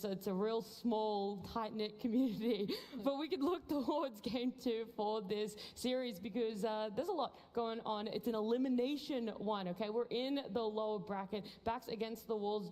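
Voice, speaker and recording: A woman with an Australian accent hosting an esports broadcast desk in a convention center, upbeat and brisk. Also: a little high, darkish tone. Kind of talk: live broadcast presenting. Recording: long reverb of a large venue.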